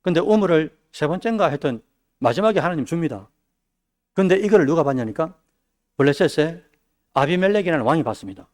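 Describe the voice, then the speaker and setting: Man preaching in a church, fairly high voice, lively swinging pitch. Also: fast talker, long pauses. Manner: animated preaching, voice dropping low then rising loud. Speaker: pastor. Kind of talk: sermon. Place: church sanctuary.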